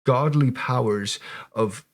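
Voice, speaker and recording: A man delivers casual reaction commentary at a middling pitch. He sounds wry and joking, talking loosely to his viewers and dropping swear words as he goes. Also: takes it slowly. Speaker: commentator reacting to bodycam footage.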